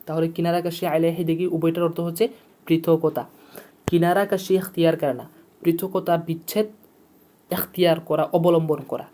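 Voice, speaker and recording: A teacher explaining vocabulary in a lesson, repeating each word and its meaning over and over. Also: male voice, on the high side, flat delivery, normal speed, warm tone. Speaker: Urdu teacher.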